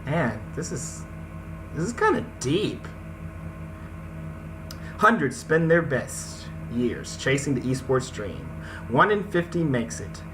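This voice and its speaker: The recording is rough. A man with a mid-range voice and big pitch swings speaks slowly and pauses often while hosting a casual let's play, switching between slangy asides and story narration over video game music.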